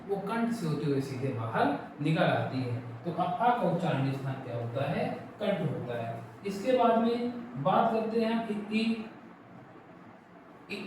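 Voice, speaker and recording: A man teaching a Hindi grammar lesson, asking the class questions and answering them himself, and stretching words out slowly to show the sounds. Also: sits high. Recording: echoey room, voice from a distance, clear background noise.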